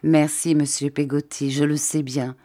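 A woman's voice: low voice, level tone, moderate pace, warm tone, natural voice. A woman voicing a polite, affectionate young man greeting old friends. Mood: friendly. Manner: courteous, affectionate.

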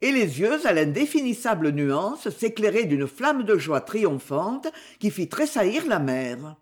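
An audiobook narrator giving a slow, expressive literary reading. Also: mid-range voice.

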